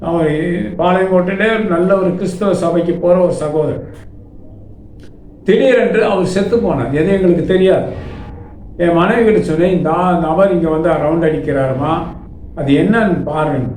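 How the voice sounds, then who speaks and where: A man's voice: high voice, moderate pace, darkish tone, echoey room, slight background noise, poor audio. A male pastor preaching a sermon, telling stories and voicing the people in them. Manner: storytelling preacher who voices people in his anecdotes. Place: church.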